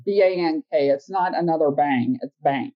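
Low-voiced woman analyzing a letter. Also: moderate pace, lo-fi sound. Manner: analytical, thinking aloud with many fillers. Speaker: co-host. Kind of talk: casual podcast discussion.

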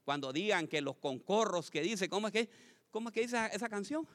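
A man preaching a lively sermon to his congregation as pastor, swinging from loud calls to quiet asides and asking the crowd questions. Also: sits high, brisk. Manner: addresses congregation as brothers, asks questions.

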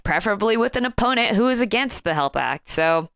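A woman's voice: medium pitch, lively intonation, fairly quick, gravelly, fairly bright tone, no room sound. A woman co-hosting a casual podcast chat, wry and offhand, often laughing between points. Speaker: podcast co-host.

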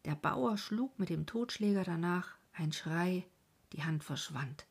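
A woman's voice: fairly low pitch, lively intonation, a little slow, creaky, breathy edge. A woman narrating a historical novel as an audiobook, often dropping to a half-whisper.

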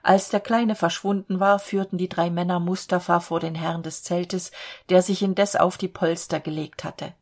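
A woman storyteller reading a fairy tale aloud in a calm, measured way. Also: on the low side.

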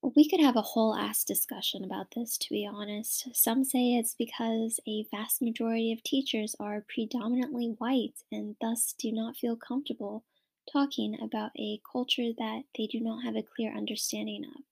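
A woman's voice: on the high side, steady tone, normal speed, gravelly, darkish tone. A young woman from Washington State hosting a solo podcast in a chatty, upbeat way, with frequent whispery asides. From Washington State, USA. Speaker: podcast host.

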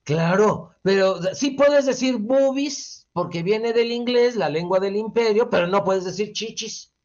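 A Mexican man, a guest expert, explaining with lively, teacherly, playful talk and rhetorical questions. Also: sits high, measured pace, muffled recording.

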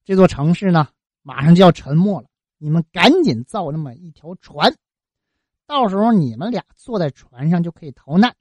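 A woman's voice: fairly low pitch, animated, moderate pace, darkish tone, husky, no echo. A woman voicing a male immortal in a folk tale who gives an urgent, emphatic warning. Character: immortal sage warning a good man, male.

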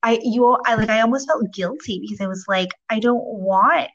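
A woman hosting an interview, asking rambling questions and reacting with warm interest. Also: on the high side, brisk. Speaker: podcast host. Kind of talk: casual interview chat. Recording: dull lo-fi audio.

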